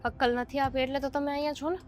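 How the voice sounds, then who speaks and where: A woman's voice: sits high, flat delivery, racing, close to an everyday voice. A woman acting a put-upon young daughter-in-law who answers back sarcastically in a family drama. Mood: sarcastic.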